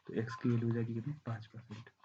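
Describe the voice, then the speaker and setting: Gravelly-voiced man teaching math, sore throat. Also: medium pitch, completely flat delivery, very fast, warm tone, dull audio, a little hiss or hum. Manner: walks through arithmetic step by step, often saying "thik hai". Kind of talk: classroom math lesson.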